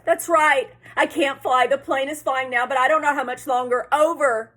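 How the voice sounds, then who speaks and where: A woman's voice: sits high, level tone, normal speed, voice pushed up. A woman voicing a frightened boy alone in a plane, pleading urgently and repeating himself in an audiobook. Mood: frustrated, urgent. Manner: pleading, urgent, breathless repetition. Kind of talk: audiobook character voice.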